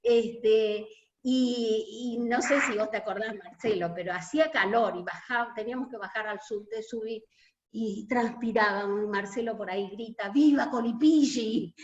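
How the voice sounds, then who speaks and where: An Argentine woman speaks earnestly over a video call, recalling her union days. She hesitates often and fills her pauses. Her voice sits a little high, and the call audio is dull and lo-fi. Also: fairly even intonation. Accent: Argentine Spanish. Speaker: union delegate recalling a protest march. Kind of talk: reminiscing testimony in an online meeting.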